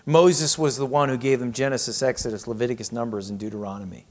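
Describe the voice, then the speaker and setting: A man's voice: medium pitch, steady tone, fast, a little mellow. Male pastor preaching, mid-range voice, scripture reading and rhetorical questions. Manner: reads scripture aloud, then reflects with rhetorical questions. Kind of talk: sermon.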